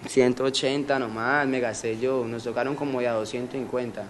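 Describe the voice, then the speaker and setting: This interview features a Colombian man in his early twenties whose medium-pitched voice stays steady and brisk. Amid background noise, he rambles through a street story full of slang and sound effects.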